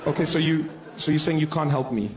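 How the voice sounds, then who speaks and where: A man's voice: on the high side, brisk, over a noisy crowd, pitched below the performer's own voice, close to an everyday voice. A male comedian playing a hesitant, stammering man with a South African accent, a polite but frustrated customer on the phone. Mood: meek. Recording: echoey live venue with noise.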